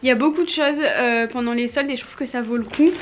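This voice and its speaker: Indoors at home, a French woman in her twenties vlogs casually to camera, hesitating and using lots of fillers. Her voice is a little high and quick-paced. The background is noisy, with music playing.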